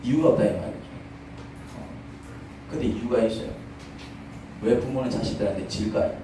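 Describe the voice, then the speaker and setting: A man's voice: on the low side, moderate pace, heavy reverb, distant mic, background noise. A male pastor preaching a sermon in a church, speaking conversationally and asking the congregation many questions. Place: church sanctuary.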